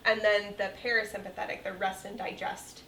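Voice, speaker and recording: Bright-voiced chiropractor woman explaining. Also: mid-range voice, fairly quick, recorded from a distance. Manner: calm, clear explainer. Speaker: chiropractor guest. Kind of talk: explaining in an interview. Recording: roomy sound from off-mic with faint room hiss.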